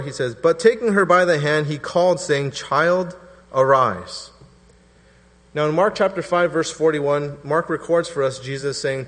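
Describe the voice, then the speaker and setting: A man in his thirties preaching a sermon in a relaxed, conversational way, acting out quotes in different voices. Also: medium pitch. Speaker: pastor. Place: church hall. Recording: reverberant church hall.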